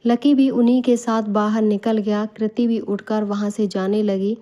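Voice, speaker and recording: Woman narrator for a bedtime storybook, calm and even, warm mellow tone. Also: mid-range voice, moderate pace. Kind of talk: scripted narration.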